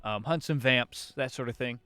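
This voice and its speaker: Young man, radio co-host, playful, halting fillers, smooth tone, dry studio sound. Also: mid-range voice, sharp tone, no room sound, soft background music. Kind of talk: comedic radio talk show.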